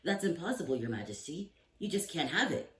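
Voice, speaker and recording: A nervous, respectful young page boy pleading with his master, as a man voices him. The voice sits higher and lively. It rings in an echoey room from a distant mic. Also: fairly quick. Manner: pleading, deferential. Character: young male page boy, anxious and polite. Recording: roomy echo, distant mic, faint hiss.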